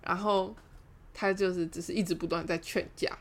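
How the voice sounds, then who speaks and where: A young woman hosting a podcast who tells a story in a casual way. She is animated, laughs often and acts out the quotes. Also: lowish voice, moderate pace. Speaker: podcast host.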